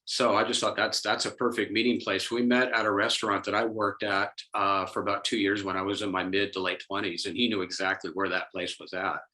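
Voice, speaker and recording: Bright, low-voiced storytelling man. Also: fairly quick, hardly any pauses, rough recording. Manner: storytelling, animated in quoted asides. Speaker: guest. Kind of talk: casual podcast chat.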